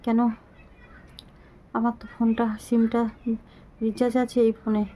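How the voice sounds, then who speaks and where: A middle-aged woman talking slowly and haltingly to her viewers into a phone camera, weak and short of breath. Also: on the high side, monotone, mellow, rough recording. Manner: slow, halting, pleading. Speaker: vlogger. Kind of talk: casual talk to viewers.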